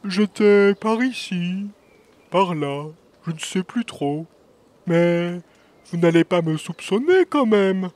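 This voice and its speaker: Man playing a big drawling moose, deep slow voice, laid-back and evasive, children's audio story. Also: animated, darkish tone. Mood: easygoing.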